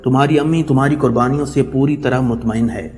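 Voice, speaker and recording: Man voicing a departed father's spirit, gentle, consoling, long reverb, music. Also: mid-range voice, fairly even intonation, close to an everyday voice.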